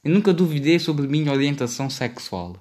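A man's voice: a little high, animated, fairly quick, a little mellow. A young man with a European Portuguese accent in casual banter with friends, reading out party questions and swearing in slang. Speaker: podcast co-host reading out game questions.

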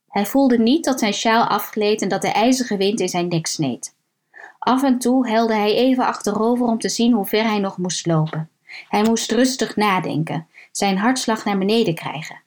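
Calm woman reading a thriller aloud. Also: mid-range voice. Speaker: narrator. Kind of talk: scripted narration of a thriller story.

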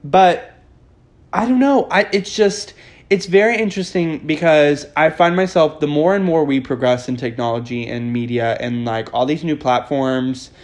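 A man's voice: fairly high pitch, moderate pace. A young man co-hosting a podcast in casual chat, rambling with restarts and quoted asides. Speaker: podcast co-host.

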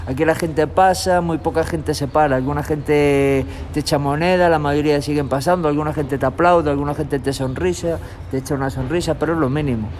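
A young man from Galicia, a street guitarist, talking in a relaxed, rambling way in an outdoor tunnel. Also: on the high side, a little fast, slight background noise. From Galicia, Spain. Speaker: street musician. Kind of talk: street interview. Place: tunnel in a city park, outdoors.

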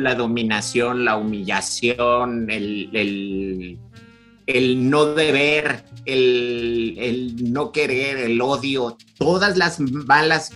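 A man's voice: medium pitch, pushed and bright. A man with a Mexican Spanish accent co-hosting a podcast, chatting casually about a film in a rambling way, full of fillers and restarts. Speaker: podcast co-host.

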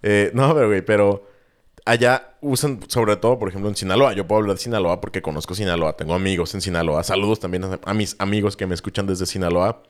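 A man's voice: low voice, fairly even intonation, quick pace. A young man with a Jalisco Mexican accent chatting casually as a podcast co-host, slangy and swearing freely while he rambles through explanations. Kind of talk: casual chat.

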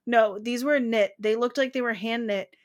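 A woman's voice: on the high side, steady tone, normal speed. A young woman co-hosting a podcast, chatting casually and laughing at herself. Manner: chatty, self-mocking, laughs often. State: on crutches. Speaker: podcast co-host. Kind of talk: casual chat.

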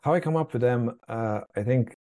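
A Croatian man, founder of a skincare company, is a guest in an interview, speaking with a mellow, medium-pitched voice at a moderate pace. He talks casually and hesitantly, often repeating words and using fillers.

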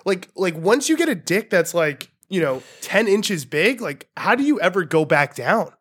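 High-voiced man with a Queens New York accent. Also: moderate pace, slightly rough. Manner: profane, slangy, excitable. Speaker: podcast co-host. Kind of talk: casual comedic banter.

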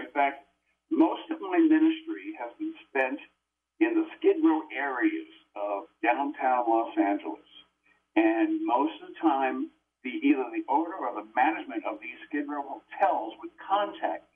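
An older man calling into a radio interview as an exorcist guest. He talks in an earnest, halting way, full of fillers and restarts, over a tinny, distant phone line that sounds like a headset mic. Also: mid-range voice.

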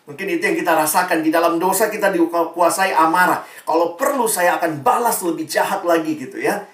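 Male preacher for a youth crowd, easygoing conversational delivery, recorded with room echo at a distance. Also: sits high. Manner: relaxed and conversational, slips in English Bible phrases. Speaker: preacher to young people. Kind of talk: sermon. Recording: echoey room, mic at a distance.

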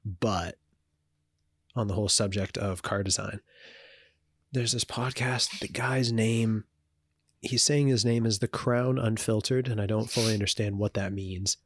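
A man's voice: on the low side, fairly even intonation, unhurried, breathy edge, dry recording, studio quality. A man co-hosting a podcast in casual chat, rambling with many fillers and restarts. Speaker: podcast co-host.

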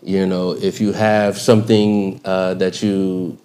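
A man's voice: low-pitched, flat delivery, takes it slowly, warm tone. A man hosting a podcast in casual chat, playful and rambling, joking and laughing as he talks. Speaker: podcast host.

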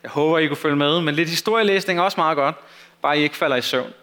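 A man's voice: fairly high pitch, sharp tone. Candid, self-mocking male preacher. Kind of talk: sermon with Bible reading.

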